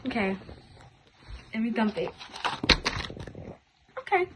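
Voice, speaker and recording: A woman with a high voice hosts a casual unboxing video, talking informally and directly to her viewers. There is noticeable background noise with small clicks behind her. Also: very animated, takes it slowly. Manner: informal, repeatedly addressing viewers as "guys". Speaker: host of a toy unboxing video. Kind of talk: casual chatty unboxing vlog.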